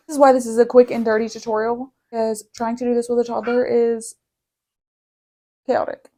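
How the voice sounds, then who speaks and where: A young woman hosting a casual home sewing tutorial, chatty and quick to interrupt herself. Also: on the high side, little pitch movement, dark tone, slight background noise. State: a little out of breath. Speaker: sewing channel host.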